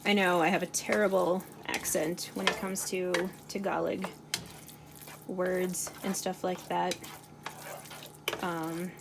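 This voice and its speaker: This cooking channel host has a lowish, gravelly voice with a level tone, speaking slowly with long pauses. She chats casually and uses plenty of fillers while stirring a pot for a home cooking video. The home kitchen recording picks up audible noise from frying and stirring.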